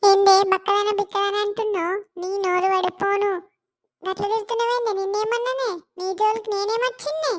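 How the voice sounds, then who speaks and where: A woman's voice: steady tone, fairly quick. A woman voicing a quarrelsome gossiping village auntie in a comedy skit, with a Telangana Telugu accent and a scolding manner. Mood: indignant. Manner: shrill, scolding, loud.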